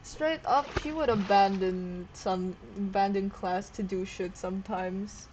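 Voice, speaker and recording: A woman's voice: medium pitch, measured pace, darkish tone. A sleep-deprived woman vlogging in a casual, rambling way, swearing often and jumping from topic to topic. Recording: noisy background hiss.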